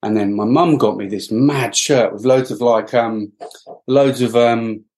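He's a middle-aged Welsh podcast guest with a medium-pitched, slightly mellow voice, unhurried and fairly even in intonation. The talk is reflective interview conversation, heavy on fillers and restarts.

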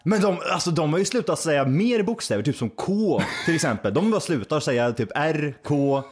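Young man, värmland accent, comedy podcast co-host, joking and swearing, slightly high voice. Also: sing-song, a little hiss or hum. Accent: Värmland Swedish. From Värmland, Sweden. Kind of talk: casual comedy podcast chat.

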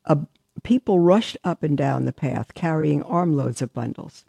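A woman's voice: sits low, measured pace, creaky, husky, no room sound. A woman religious sister hosting a live show, chatting briefly and then reading a Christmas story aloud to her listeners. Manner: warm, chatty aside, then steady storytelling.

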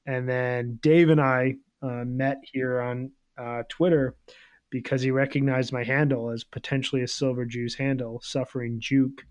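A man's voice: mid-range voice, little pitch movement, moderate pace, a little mellow, dry recording. A man in his thirties co-hosting a podcast, talking in a reflective, rambling way with many fillers. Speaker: podcast co-host. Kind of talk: casual podcast chat.

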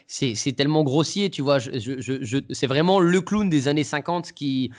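A man's voice: a little high, normal speed. Rambling male comedian telling a story. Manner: rambling, many restarts, animated. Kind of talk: casual anecdote in conversation.

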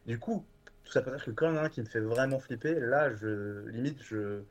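A man's voice: mid-range voice, brisk. A man chatting casually and enthusiastically, with many fillers and restarts. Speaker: guest from a horror streaming platform. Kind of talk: casual podcast chat.

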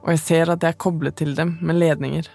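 A woman, the podcast's narrator, telling her own story in calm, measured, scripted first-person narration. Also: sits low, creaky, faint music behind.

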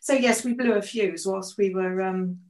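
A woman's voice: medium pitch, normal speed, a little mellow, faint music behind. An older English woman co-hosting a casual podcast chat, telling stories in a chatty way and laughing often. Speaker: co-host and artist. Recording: echoey room.

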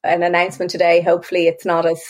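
A woman's voice: lowish voice, completely flat delivery, rapid-fire. A woman who interviews her guest in a casual, conversational way.

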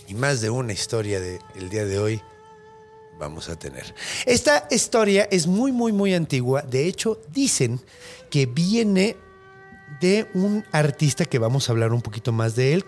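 Young Mexican host, high-ish, animated, slangy storyteller. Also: male voice. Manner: slangy, animated, swears a lot. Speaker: podcast host. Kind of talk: casual storytelling.

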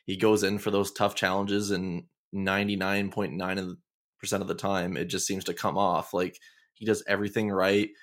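A man's voice: low-pitched, little pitch movement, moderate pace. A man co-hosting a football podcast, chatting enthusiastically and laughing easily. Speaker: podcast co-host. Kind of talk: casual football chat.

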